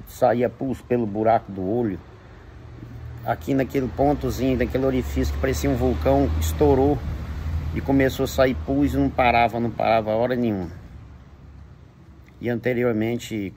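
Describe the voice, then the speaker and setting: A man's voice: warm tone, a little hiss or hum. A man with a Brazilian Portuguese accent recounting a personal religious testimony with emotion, his voice rising as he retells dialogue. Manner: emotional, rises in pitch when retelling dialogue. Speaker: witness giving a religious testimony.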